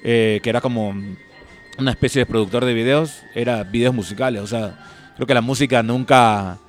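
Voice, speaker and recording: A young man from Ecuador, chatting as a musician guest in a relaxed, rambling way full of fillers. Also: mid-range voice, fairly quick, soft background music. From Guayaquil, Ecuador. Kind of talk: casual interview chat.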